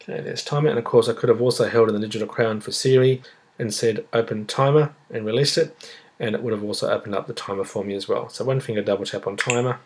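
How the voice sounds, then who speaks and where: A man with a slightly husky voice giving a casual, unhurried step-by-step tutorial, explaining each action as he goes. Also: fairly low pitch, steady tone, slight background noise. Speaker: tutorial presenter. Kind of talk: step-by-step spoken demonstration, casual.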